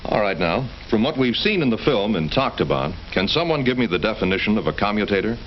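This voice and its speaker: A man's voice: fairly low pitch, sing-song, fast. A man playing an orderly science teacher quizzing pupils in an educational film. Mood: instructive. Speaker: classroom teacher. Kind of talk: staged classroom questioning. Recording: dull, faintly noisy 1960s film soundtrack.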